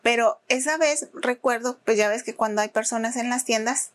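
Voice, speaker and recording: A woman with a Mexican Spanish accent tells a story as a guest on a podcast. Her voice sits a bit high, and she talks in a loose, conversational way. She acts out the people in her story in raised voices. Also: normal speed. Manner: animated, acts out quoted people in higher voices. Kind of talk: casual storytelling.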